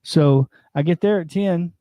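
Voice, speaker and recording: Joking co-host man, slightly high voice. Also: a little slow, mellow, no room sound. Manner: joking, laughs often, rambling. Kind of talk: casual sports talk chat.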